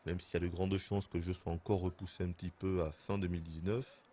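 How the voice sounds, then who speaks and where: A man in his thirties giving casual, excitable gameplay commentary as a streamer, laughing and swearing often. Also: deep voice, quick pace, slight background noise. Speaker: gaming streamer.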